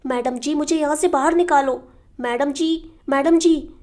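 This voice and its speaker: A woman's voice: sits high, unhurried, darkish tone. A woman narrator voicing a desperate woman confined in an asylum, pleading to be let out. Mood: crying out. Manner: pleading, insistent.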